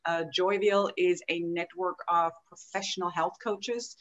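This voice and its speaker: Woman, forties, low-pitched, earnest, on a laptop video call. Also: steady tone, moderate pace, a bit bright, muffled recording. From Austria. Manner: earnest, open storytelling. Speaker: guest, health coaching founder. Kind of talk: podcast interview over video call. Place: home room at a desk.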